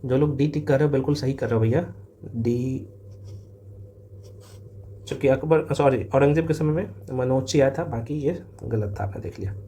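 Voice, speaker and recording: A man talks students through exam revision in a loose, chatty way, with plenty of fillers and friendly asides. His voice is dark and mellow at an ordinary pitch. Faint background noise sits under the recording. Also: normal speed, long pauses. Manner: chatty, addresses students as brother, frequent fillers. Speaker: exam coaching teacher. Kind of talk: casual exam revision lecture.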